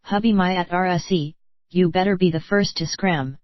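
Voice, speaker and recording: A jealous, bossy wife who scolds and gives orders, read out by a woman's text-to-speech voice. The voice sits low and the lines come out evenly. The audio is dry and a little muffled. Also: moderate pace, no echo, lightly acted. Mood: scolding. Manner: scolding, commanding. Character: fierce shrewish noblewoman, a jealous wife.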